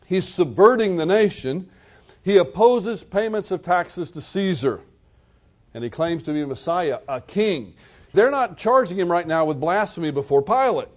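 Male preacher, high voice, vivid storyteller delivering a sermon. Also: expressive, normal speed. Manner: vivid storytelling, retelling scenes.

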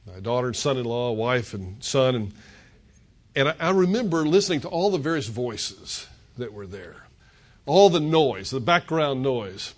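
A man's voice: mid-range voice, lively intonation, moderate pace. An older man preaching a sermon, retelling scripture as a story and voicing the characters' words. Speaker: pastor.

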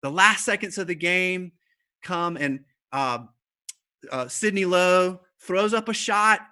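A man preaching a conversational sermon, speaking to the congregation and the children watching online, with fillers and repeated starts, slowing down for emphasis. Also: high-pitched, animated, bright, forceful tone, clean tone. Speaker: pastor. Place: church service streamed online.

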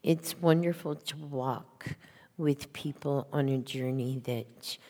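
A woman's voice: rumbling low, slow pace, warm tone. A woman giving an informal, reflective testimonial at a church. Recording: reverberant hall sound.

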